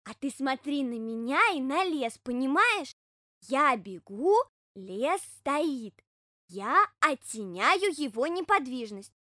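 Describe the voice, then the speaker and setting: A woman voicing a small, earnest male hedgehog in a storybook reading, insisting and explaining things slowly. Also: high-pitched, very animated, pushed and bright, dry recording, clean studio sound, exaggerated voice.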